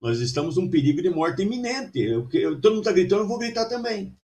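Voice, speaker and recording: A man's voice: high-pitched, big pitch swings, fast talker, darkish tone, recorded from a distance, pitched above the performer's own voice. A man playing a panicked passenger. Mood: frightened. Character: frightened middle-aged man on a shaky plane.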